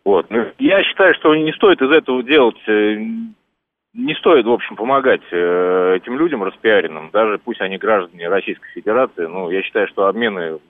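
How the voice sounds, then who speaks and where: A man calling in to a radio show over the phone, nervous and halting, speaking on air for the first time. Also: on the low side, animated, no echo. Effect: phone line. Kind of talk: call-in opinion. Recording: tinny phone line.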